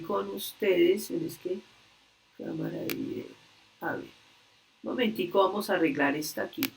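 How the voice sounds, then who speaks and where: A woman leading a religious workshop, earnestly retelling a story slowly and with frequent hesitations over a video call. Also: on the low side, gravelly, a little hiss or hum. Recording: distant video-call audio.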